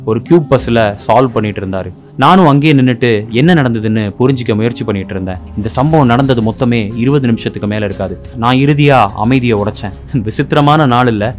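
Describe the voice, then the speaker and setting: A man narrating a horror story in a measured, steady storytelling voice. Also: mid-range voice, soft background music.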